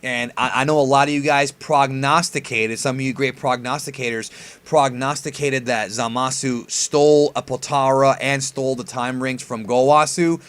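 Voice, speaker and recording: A man's voice: medium pitch, steady tone, normal speed, fairly bright tone, clean tone. A man giving casual fan commentary as host of a reaction video, informal and a bit sweary. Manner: informal, mildly profane slang. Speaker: host reacting to an anime preview.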